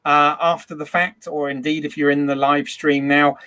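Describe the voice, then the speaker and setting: A man's voice: fairly high pitch, flat delivery, normal speed, bright, forceful tone, smooth. A man hosting a podcast panel, chatty, teasing and laughing easily. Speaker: podcast host. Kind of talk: casual panel chat.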